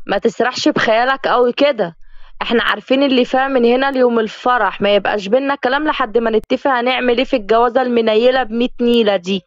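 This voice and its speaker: Woman, egyptian accent, storyteller, cheeky sharp delivery, dry close sound. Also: on the high side, no echo. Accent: Egyptian Arabic. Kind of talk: storybook narration with voiced characters. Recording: dry, slightly dull recording.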